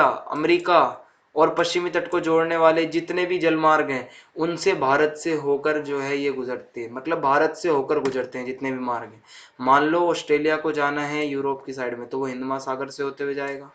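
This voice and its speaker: Higher-pitched man explaining a lesson. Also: a bit bright, highs cut off. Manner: repeats points with "thik hai" check-ins. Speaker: teacher. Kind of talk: explaining a textbook chapter to students.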